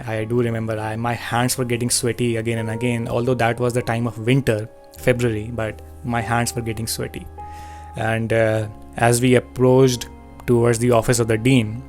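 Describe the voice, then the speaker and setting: A young man, earnestly recounting a personal story with fillers and self-corrections. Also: mid-range voice. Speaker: channel host.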